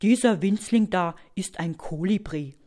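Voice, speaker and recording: A woman's voice: lowish voice, unhurried, dark tone. A woman voicing a little old armored dinosaur. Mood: proud. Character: small shy old male armored dinosaur.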